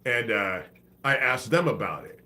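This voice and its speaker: A man with a congested head cold hosts a live stream, chatting in a loose, rambling, profane style. His medium-pitched voice is expressive, pushed and bright, and moves at a moderate pace.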